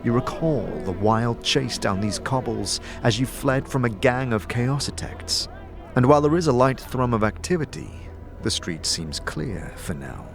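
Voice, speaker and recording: Over music, a man with a medium-pitched, gravelly voice delivers animated yet measured scripted narration for a fantasy audio drama, addressing the listener as "you" and telling it like a story.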